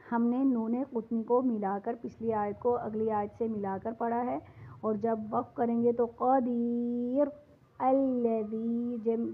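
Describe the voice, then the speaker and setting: A woman with a Pakistani Urdu accent explains Quran recitation rules quickly, then slows into long, chanted examples. Her voice sits fairly high. The sound is tinny and thin, like a phone line. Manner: drawn-out chanted recitation between brisk explanations. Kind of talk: tajweed lesson with slow recited examples.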